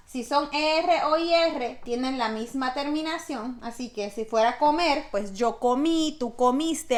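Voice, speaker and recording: A woman teaching a grammar lesson, patiently explaining step by step with spoken examples. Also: high voice. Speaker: Spanish teacher.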